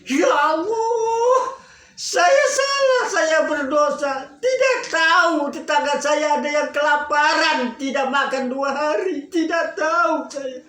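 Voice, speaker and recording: A man playing a rich man who sobs and wails in remorse, crying out high and loud. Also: expressive, takes it slowly, exaggerated voice. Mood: sobbing remorse. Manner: wailing, crying out. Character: grief-stricken rich man sobbing in remorse. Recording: roomy echo, faint ambience.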